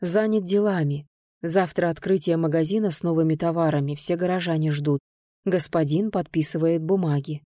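A giant of a manservant, calm and deferential, answering in a low, dark, mellow voice, as a woman voices him. He speaks plainly and patiently in this audiobook, always politely. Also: moderate pace, dry recording, clean studio sound, lightly acted. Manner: calm, deferential, bass delivery. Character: huge, deep-voiced, patient male servant.

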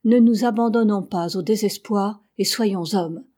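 A woman voicing a gentle, kindly old male ship's doctor in an audiobook, reading softly and sorrowfully. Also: mid-range voice, unhurried, lightly acted.

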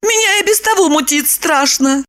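A woman reader voicing Lipochka, a flustered, hungover young woman who speaks in squeaky exclamations. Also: expressive, normal speed, fairly bright tone, no echo, studio quality. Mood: fussy. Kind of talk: audiobook character voice.

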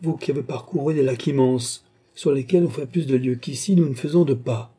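A man reading an audiobook who voices a lively, playful young queen with an exuberant manner. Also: a little fast, breathy edge, lightly acted. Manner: exuberant, raised pitch.

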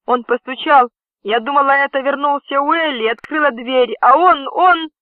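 A man's voice: very high voice, normal speed, no echo, pitched above the performer's own voice. A man reading an audiobook, voicing a distraught young woman who sobs and lashes out in anguished outbursts. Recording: dry, tinny phone-like audio.

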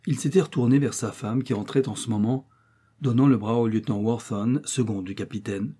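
A man narrates a novel in a measured, expressive audiobook reading. His voice is mellow and slightly husky, at a middle pitch.

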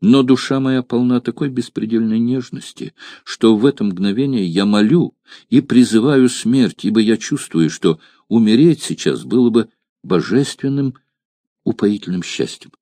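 A man's voice: medium pitch, moderate pace, mellow, no echo, close to an everyday voice. A man playing an ardent young gladiator in love. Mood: rapturous. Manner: passionate, pleading, breathless.

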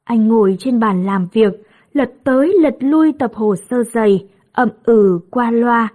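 A woman narrating a story in a gentle, measured storytelling voice. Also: a little high. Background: soft music.

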